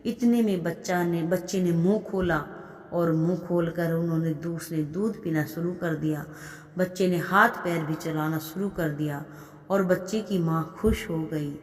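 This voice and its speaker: A woman's voice: lowish voice, a little slow. A woman narrating a devotional folk tale and acting out the characters' lines with feeling. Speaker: storyteller. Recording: echoey room with long reverb.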